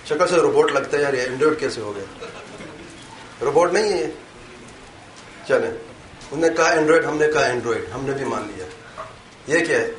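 A man giving an interactive religious talk, quizzing and teasing his audience. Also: mid-range voice. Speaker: Islamic lecturer. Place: lecture hall with a live audience. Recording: echoey hall with faint room noise.

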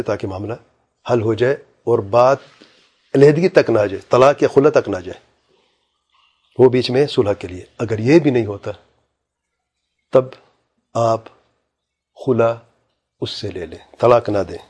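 Male cleric, husky dark voice, emphatic lecture with recited verses. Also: mid-range voice. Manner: emphatic, quotes Quranic Arabic, rhetorical questions. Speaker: Islamic scholar answering a question. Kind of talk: religious lecture.

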